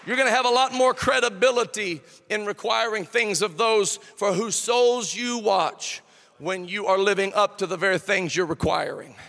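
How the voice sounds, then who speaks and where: High-voiced man preaching a fiery sermon. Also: normal speed, creaky. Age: 40s. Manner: impassioned, shouting and half-singing his lines; drops to soft, low confiding tones.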